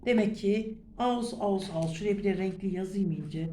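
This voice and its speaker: A middle-aged woman, a German teacher who gives a private lesson, drills questions and repeats words slowly. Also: mid-range voice, dark tone, a little hiss or hum. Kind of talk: private lesson, explaining grammar. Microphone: phone camera over a notebook.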